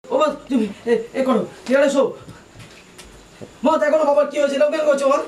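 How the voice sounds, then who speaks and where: A man's voice: very high-pitched, fairly even intonation, fast talker, darkish tone. An actor playing a young man from a rich family, pleading over and over with his collapsed father. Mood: frantic pleading. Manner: pleading, repeats "baba" over and over. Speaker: lead actor. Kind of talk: amateur short-film acting. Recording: roomy, distant, noisy home recording.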